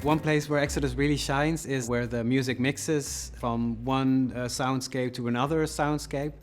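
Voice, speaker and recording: A man who works as a creative developer explains his job in an interview, speaking informally and thinking aloud as he goes. His voice is mid-range with a steady tone at a normal speed, and music sits behind it.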